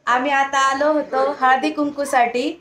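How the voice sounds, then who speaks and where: A woman's voice: high-pitched, level tone, moderate pace, crowd noise. A young woman filming a family vlog at a relative's home, chatting, teasing and coaxing her small son to talk. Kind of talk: casual family vlog chat.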